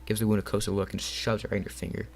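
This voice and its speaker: A young man with a fairly low voice reads a visual novel aloud in a casual playthrough. He jokes as he goes, often slipping into laughter between lines. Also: little pitch movement, very fast, gravelly. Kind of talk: casual game playthrough narration.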